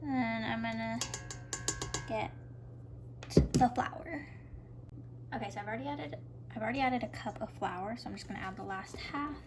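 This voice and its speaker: A woman's voice: a little high, moderate pace, pauses often. A young woman casually narrating a cooking tutorial in her home kitchen, chatty and talking through each step aloud. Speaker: cooking vlogger. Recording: noisy home recording.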